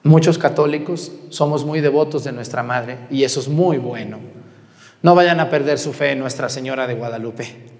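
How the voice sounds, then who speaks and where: Mexican priest preaching in a reverberant church. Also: male voice, medium pitch, moderate pace. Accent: Mexican Spanish. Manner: animated, asks the congregation questions, drops to a hush for emphasis. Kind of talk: sermon. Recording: long hall reverb in a church.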